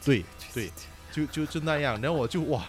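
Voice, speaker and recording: 一位新加坡口音的年轻男子，用夹杂英文的华语随意地讲鬼故事。. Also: male voice, fairly high pitch, fairly quick, soft background music. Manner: animated, mixes English words into Mandarin. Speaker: podcast guest storyteller. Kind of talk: casual ghost-story chat.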